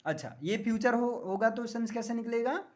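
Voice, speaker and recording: A man's voice: extremely high pitch, fairly even intonation, fairly quick. Joking male grammar teacher. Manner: joking, keeps checking students understand. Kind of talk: classroom lecture.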